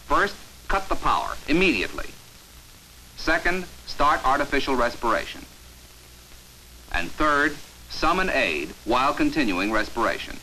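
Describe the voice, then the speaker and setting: This 1950s training film features an American man reading scripted instructions like an authoritative, measured, emphatic announcer. His voice is medium-pitched and sharp, on a low-quality old soundtrack with a little hiss or hum.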